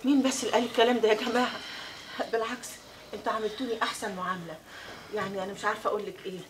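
A woman's voice: medium pitch, steady tone, racing, natural voice. An actress with an Egyptian accent playing a kind woman who coaxes a worried mother in a TV drama. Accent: Egyptian Arabic. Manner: warm, coaxing. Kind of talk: TV drama acting. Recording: background noise.

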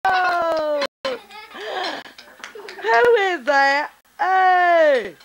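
A woman's voice: extremely high pitch, animated, very slow. A woman coaxing a small child in sing-song talk at home, heard on an old VHS home video. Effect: old VHS tape sound. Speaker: family member filming a child. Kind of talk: casual home-video chatter. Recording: muffled old VHS camcorder tape with hiss.

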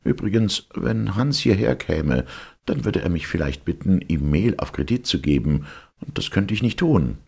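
A man doing a pompous miller, husky and gravelly. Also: low-pitched, expressive, moderate pace, darkish tone, heavily acted. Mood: preachy. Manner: preachy, self-satisfied. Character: pompous self-righteous male miller.

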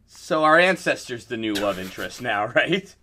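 A man's voice: mid-range voice, big pitch swings, moderate pace, bright, forceful tone, a little hiss or hum. A man riffing sardonically on a video game, swearing often and laughing at the story. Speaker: riffing commentator. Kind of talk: comedic let's-play riffing. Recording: voice over game audio with music.

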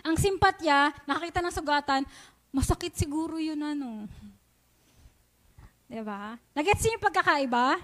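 A woman with a Filipino accent preaches in a high, light voice. She talks to the congregation in a chatty way, checking often whether they follow. Her sermon mixes English phrases into her own language. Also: fairly bright tone. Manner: conversational, asks the congregation questions, mixes English into Tagalog. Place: church sanctuary.

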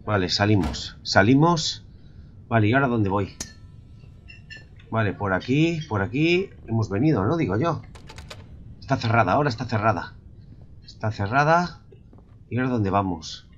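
Spanish man, horror game commentary, swearing, hushed then yelping, muffled lo-fi sound. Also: lowish voice, animated, normal speed, pauses often, slight background noise. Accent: Spain Spanish. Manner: jumpy and profane, drops to whispers and bursts into yelps; keeps addressing viewers as lads. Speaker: gamer.

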